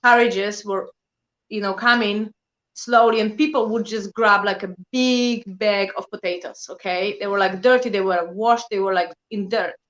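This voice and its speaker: A Polish woman in her thirties, speaking with a Polish accent, tells stories as a guest in a casual chat. Her voice is medium-pitched and moderately paced, and the recording sounds muffled. She's animated and leans on fillers like "you know."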